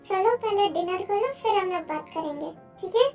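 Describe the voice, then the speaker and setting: A woman's voice: extremely high pitch, moderate pace, darkish tone, far from the mic, faint music behind, pitched above the performer's own voice. A woman voicing a pleading possessive young man. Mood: worried. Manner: pleading, emotional. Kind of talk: fan audio drama dub.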